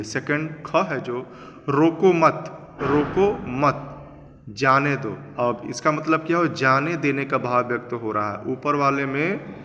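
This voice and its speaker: Bright-voiced male teacher in an echoey room. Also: mid-range voice. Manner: reads quoted passages slowly, then explains in plain words; mixes English terms into his talk. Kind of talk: classroom lesson, reading and explaining a textbook. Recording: reverberant room, slightly dull sound with faint noise.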